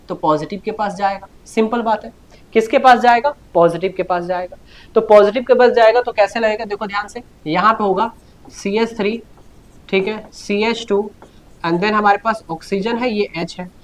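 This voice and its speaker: A man giving a chemistry class in a steady explanatory lecture voice. He walks students through each step, repeats key words, and fills the gaps with questions he answers himself. He keeps urging them to listen carefully and write things down. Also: high-pitched, moderate pace. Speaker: chemistry teacher.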